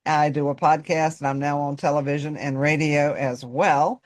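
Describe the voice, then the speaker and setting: A woman from North Carolina with a Southern accent presents informally as a guest speaker and personal development coach. She speaks in a low voice at normal speed with fairly even intonation, addressing listeners directly in a folksy manner.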